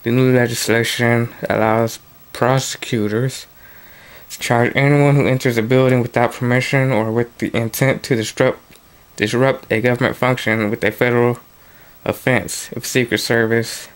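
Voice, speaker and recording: A man reading news articles aloud and adding casual, offhand commentary of his own. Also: medium pitch. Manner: plain reading broken by offhand asides and restarts. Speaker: political commentary vlogger.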